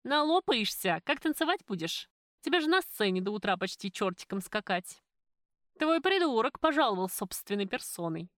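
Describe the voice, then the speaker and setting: A woman voicing a brash, teasing young waitress in an audiobook, loud and mocking. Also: medium pitch, very animated, normal speed, no room sound, studio quality.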